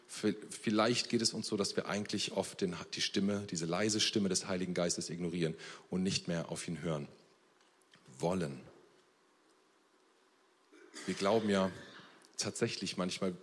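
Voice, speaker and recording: A man preaching a sermon at a church service, earnest, moving between soft and emphatic delivery. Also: on the low side, breathy edge. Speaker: pastor. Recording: long reverb of a church hall.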